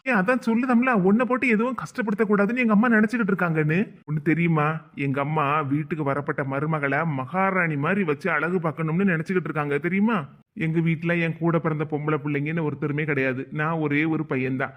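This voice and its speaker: Cartoon: man voicing a chuckling, teasing young husband, Kanyakumari Tamil accent, high voice. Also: fairly even intonation, fast, a bit bright, close to an everyday voice. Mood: coaxing. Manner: chuckling, coaxing banter. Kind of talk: cartoon voice acting.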